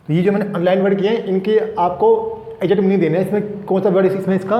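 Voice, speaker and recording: A high-pitched man with an Indian accent explains English words in a loose, chatty classroom manner, often restarting and adding fillers. His voice rings with long reverb in a room. The recording sounds slightly dull. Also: steady tone, fast. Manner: casual explaining, frequent "ठीक है" fillers and restarts. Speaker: English vocabulary teacher.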